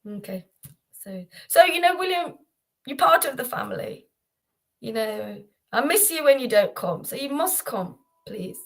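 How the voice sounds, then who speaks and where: Her voice is high, sing-song and fairly bright, and she speaks a little slowly. Hosting a devotional livestream, she chats casually with viewers by name, repeating herself and using many fillers and restarts.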